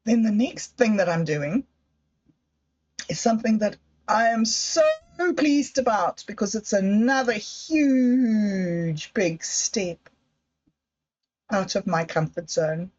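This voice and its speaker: This livestream host has a mid-range, somewhat dark voice and speaks at a slow pace while wondering aloud, uncertainly, about her projects. The casual monologue is recorded in slightly dull lo-fi audio.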